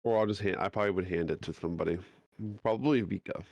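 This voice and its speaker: Man, player, very deep voice, easygoing short replies, muffled mic. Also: fast talker, creaky, a little mellow, no echo. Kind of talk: tabletop game chat.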